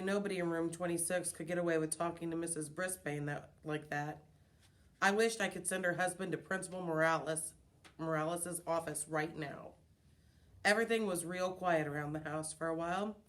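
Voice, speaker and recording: Woman reading a children's chapter book aloud, expressive storytelling, fairly low voice. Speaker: reader.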